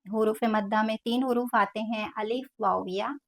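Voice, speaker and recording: A woman's voice: a little high, fairly even intonation, moderate pace. A woman teaching Quran recitation who spells out each letter and then draws out each long vowel. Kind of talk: slow step-by-step tajweed lesson.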